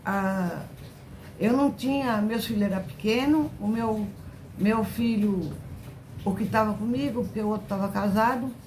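Older woman giving a halting church testimony. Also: fairly high pitch, darkish tone, slight background noise. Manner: emotional, halting, repeats herself. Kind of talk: religious testimony to a congregation.

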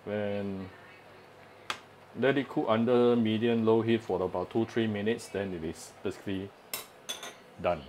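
A man's voice: lowish voice, fairly even intonation, measured pace, pauses often, darkish tone, slight background noise. A man hosting a casual home cooking demonstration, chatting and explaining as he works, with frequent "uh" fillers. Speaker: home cooking channel host. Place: home kitchen at the stove.

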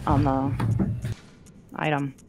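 A woman's voice: very deep voice, flat delivery, takes it slowly, background noise. A woman co-hosting a game stream in a casual, giggly way. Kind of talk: casual chat over gameplay.

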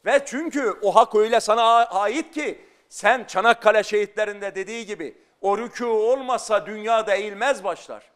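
Man, middle-aged, guest scholar, studio talk show, high resonant voice, fervent explanatory delivery. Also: fairly quick, hardly any pauses, fairly bright tone, smooth. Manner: earnest, rising into fervent emphasis. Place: television studio.

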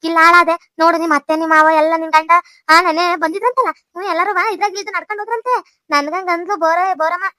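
A woman's voice: extremely high pitch, steady tone, quick pace, sharp tone, no room sound. A woman voicing a doting old village grandmother in a cartoon, with a North Karnataka Kannada accent and a fussy, gushing manner. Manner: fussy, gushing, lots of sighs. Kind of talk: cartoon voice acting.

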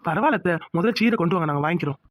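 A woman's voice: on the low side, expressive, very fast, no echo. A woman voicing an insistent young village husband in a cartoon. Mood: respectful. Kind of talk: cartoon voice acting.

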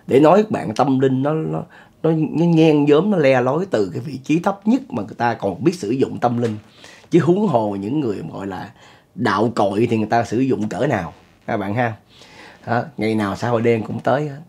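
The host, a middle-aged man with a Southern Vietnamese accent, narrates a ghost story in a friendly, talkative way, often chuckling and speaking directly to listeners. His mid-pitched voice is husky and darkish, with a brisk, expressive delivery.

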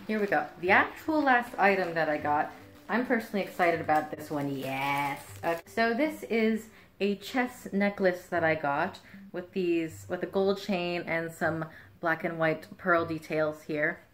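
Chatty young woman w a lowish voice, gets excited, vlogging from the couch. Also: a little hiss or hum. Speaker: unboxing vlogger. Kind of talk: casual chat to camera. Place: living room, indoors on a couch.

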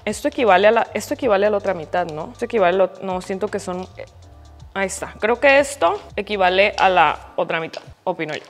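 A woman's voice: mid-range voice, animated, fast, long reverb tail, faint music behind. A woman with a Mexican accent chatting casually while she cooks in her home kitchen, self-mocking and swearing freely, filmed on a phone. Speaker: cooking vlogger. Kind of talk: casual cooking vlog chat. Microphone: phone camera.

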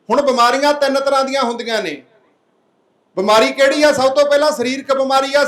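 A man's voice: very high voice, fairly bright tone, reverberant. A man giving an earnest public speech at a village gathering, putting rhetorical questions to the crowd and telling a folk parable. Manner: earnest, plain-spoken exhorting. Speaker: speaker at a public anti-drug meeting.

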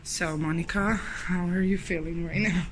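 A woman's voice: lowish voice, fairly even intonation, normal speed. A nervous, uneasy woman talking casually on a night exploration vlog inside an empty abandoned building. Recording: very noisy handheld night recording.

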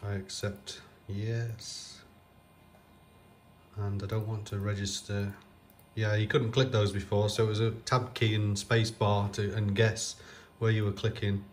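This off-camera restoration vlogger, working on an old computer, speaks at a measured pace in a lowish voice with little pitch movement, and there's a little hiss or hum. His casual talk is hesitant, thinking aloud with lots of fillers.

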